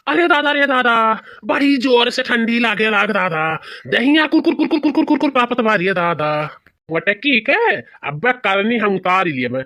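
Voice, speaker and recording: In a cartoon, a man voices a thin, complaining old village husband who whines and grumbles in a rustic dialect. His exaggerated voice sits high, pushed and bright, in a dry, clean studio recording.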